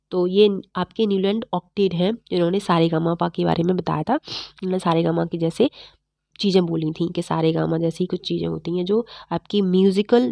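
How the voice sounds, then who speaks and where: A woman teaching chemistry in a fast, repetitive exam-prep lecture, slightly unwell. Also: fairly low pitch, creaky, mellow, dry recording. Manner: fast-talking, repetitive quizzing of students.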